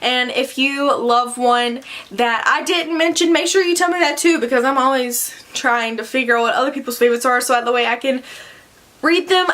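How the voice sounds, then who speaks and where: A woman's voice: fairly high pitch, a bit bright. A young woman vlogging book recommendations to camera, chatty and earnest, with lots of "like" and "I don't know". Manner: chatty and earnest, with many likes and I-don't-knows.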